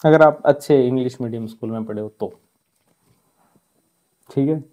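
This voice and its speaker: With a medium-pitched, slightly mellow voice at a moderate pace, a teacher from Rajasthan runs an exam-prep grammar lesson. He drills correct versus incorrect pronunciations, repeats points, and keeps checking in with "ठीक है" after nearly each one.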